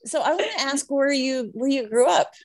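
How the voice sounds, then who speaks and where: A woman's voice: high-pitched, brisk, no room sound. A woman, hosting a casual interview podcast in a chatty, rambling way. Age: 60s.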